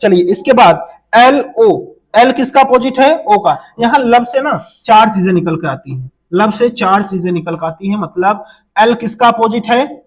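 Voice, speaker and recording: A man with a very high voice teaches an exam-prep class. He throws the same question out twice and then answers it himself in a lower voice, and he works in playful memory tricks. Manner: drills students with repeated questions and answers; jokey memory tricks, drops pitch on answers.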